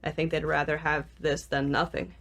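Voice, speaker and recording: A woman with vocal fry, talking reflectively in a casual discussion as a podcast co-host. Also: low voice, level tone, moderate pace, a bit bright.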